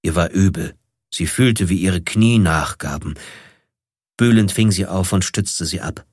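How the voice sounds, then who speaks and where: A man narrating a novel chapter in an expressive, dramatic audiobook style. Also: low-pitched, measured pace, no room sound, studio quality. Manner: dramatic, varied delivery.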